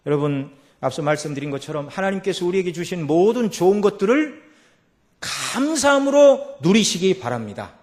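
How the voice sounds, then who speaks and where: A man preaching a Sunday sermon as pastor. He swings from quiet passages to loud, emphatic peaks and asks the congregation rhetorical questions. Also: very animated, normal speed. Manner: rising to loud emphatic peaks, then dropping low. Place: church sanctuary.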